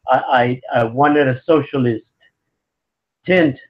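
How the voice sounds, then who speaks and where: Answering interview questions in a conversational way, a Venezuelan guest in his fifties speaks at a slow pace with a medium-pitched voice, captured on a lo-fi recording.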